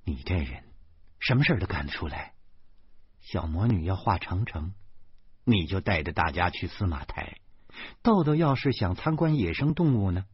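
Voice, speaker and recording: A man reading the lines of a calm, level-headed young wife in a soft, low voice. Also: normal speed, slightly rough, dry recording, full character voice. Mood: calm, chiding. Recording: dull lo-fi dry recording.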